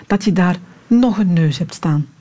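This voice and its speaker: A woman with a Flemish accent, a voice coach guest explaining calmly in a radio studio. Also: on the low side, unhurried. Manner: calm, explanatory, gently correcting.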